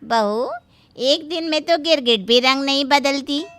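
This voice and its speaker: A woman voicing a loud, nagging middle-aged mother-in-law in a cartoon story, scolding and wailing melodramatically. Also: high-pitched, measured pace, no echo. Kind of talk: cartoon voice acting.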